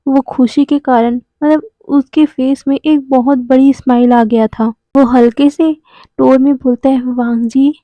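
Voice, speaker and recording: High-voiced woman narrating a story casually. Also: steady tone, measured pace, no room sound, lo-fi sound. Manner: conversational, adds fillers like "ना" and "मतलब".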